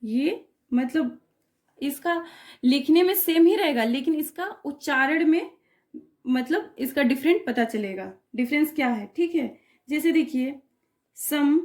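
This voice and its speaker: A woman with a high voice gives an unhurried grammar lesson. She works through each example patiently and keeps checking that her students are following. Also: a little mellow. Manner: patient, repeats checks like "clear?" and "okay". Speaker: teacher.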